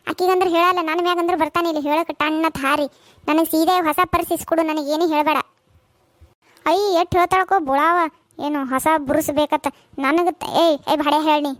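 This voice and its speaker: A woman voicing quarrelling village women in a cartoon, shrill and cursing, with a North Karnataka accent. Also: little pitch movement, fast, no room sound, clean studio sound. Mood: quarrelsome. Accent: North Karnataka Kannada. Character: shrill quarrelsome village mother-in-law and daughter-in-law. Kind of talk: cartoon voice acting.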